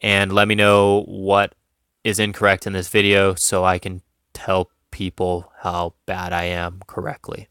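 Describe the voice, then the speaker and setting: A man's voice: deep voice, completely flat delivery, measured pace, pushed and bright, clear, resonant tone, no echo, studio quality. A young man casually recapping a tabletop game, chatty and self-deprecating, laughing often. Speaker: tabletop game channel host.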